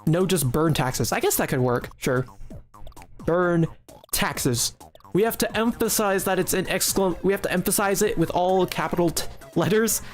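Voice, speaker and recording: Streamer, mid-pitched voice, giggly and rambling, mock-serious jokes to chat, faint music underneath. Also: normal speed. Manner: giggly, rambling, often restarts mid-sentence. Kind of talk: casual live-stream commentary while making a game.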